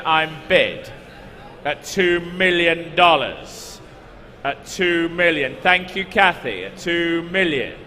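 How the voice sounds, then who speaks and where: Bright and forceful, this fairly high male voice belongs to an auctioneer working a live car auction. He keeps repeating the numbers and urging bidders on, while the big hall around him echoes and carries background noise.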